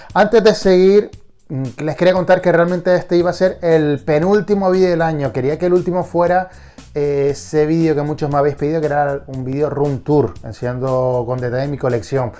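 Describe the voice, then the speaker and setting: Hosting a casual collector vlog, this man has a fairly high, darkish voice that sounds nasal and congested from a cold. He's enthusiastic and keeps restarting his sentences.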